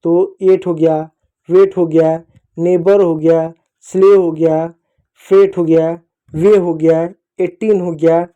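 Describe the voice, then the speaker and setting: Male children's English teacher, deep mellow tone, patient and repetitive, spells words out slowly. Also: level tone, highs cut off. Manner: patient and repetitive, keeps addressing the children directly; slowly spells out letters and lists example words. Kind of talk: recorded phonics lesson.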